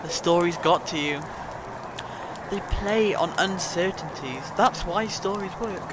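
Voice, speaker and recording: Over clearly noisy ambience, a man acts out a high-voiced male time traveller from an audio drama. He is witty and whimsical. He reassures with breezy, wry logic and a theatrical turn of phrase. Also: measured pace. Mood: wry, logical. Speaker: amateur audio drama actor. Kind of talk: fan audio drama acting.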